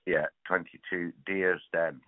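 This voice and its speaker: A man in his fifties with toothless, gummy articulation, talking casually and haltingly on the phone. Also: low voice, steady tone, no echo. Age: 50s. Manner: halting, spells things out. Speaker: client on a phone call. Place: telephone call. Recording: tinny, narrow phone line.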